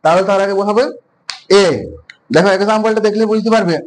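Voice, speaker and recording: Guy teaching grammar, high voice, keeps asking then answering his own questions. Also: fairly even intonation, quick pace, slight background noise, poor audio. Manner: repeats questions and answers them himself. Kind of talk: classroom lesson explanation.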